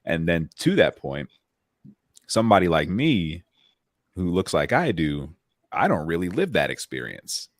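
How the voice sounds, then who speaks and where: A man's voice: deep voice, sing-song, unhurried, long pauses, dry recording, studio quality. A man co-hosting a panel talk, thoughtful and reflective, with many fillers. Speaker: podcast co-host. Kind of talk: casual panel discussion.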